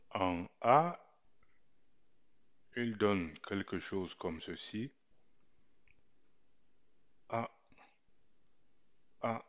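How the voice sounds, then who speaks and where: Slow, deep-voiced man teaching pronunciation. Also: highs cut off. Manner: measured, demonstrating tones on single syllables. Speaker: language teacher.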